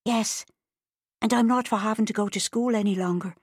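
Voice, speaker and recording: A woman's voice: mid-range voice, brisk, husky, no echo, studio quality, voice pushed up. A woman reading an audiobook, voicing an anxious, polite fourteen-year-old farm girl. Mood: earnest.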